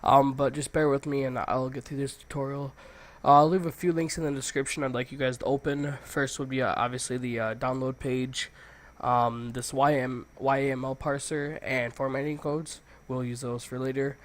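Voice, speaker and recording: Male tutorial host, mid-pitched, congested with a cold, loose and informal delivery. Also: flat delivery, normal speed. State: congested, stuffy nose from a cold. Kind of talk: casual software tutorial, screen walkthrough.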